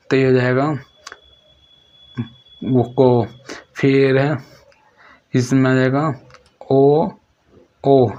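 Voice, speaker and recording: Slow, monotone man teaching grammar. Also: mid-range voice. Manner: slow and repetitive, restating each phrase. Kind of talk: exam-prep grammar lesson, reading out notes. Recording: dull lo-fi recording.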